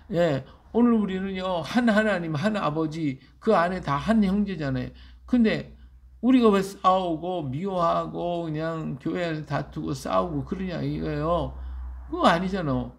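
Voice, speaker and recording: A man's voice: fairly high pitch, gravelly. A man preaching as a pastor, reading scripture aloud and explaining it, often asking his listeners "예?" to pull them along. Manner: emphatic, asks the congregation "예?" for agreement. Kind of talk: Bible reading with sermon commentary.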